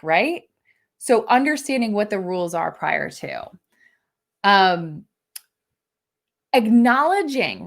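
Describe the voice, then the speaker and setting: A woman coaching teams in a live online workshop, talking casually and upbeat, often tagging her points with "right?". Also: mid-range voice. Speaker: team coach presenter.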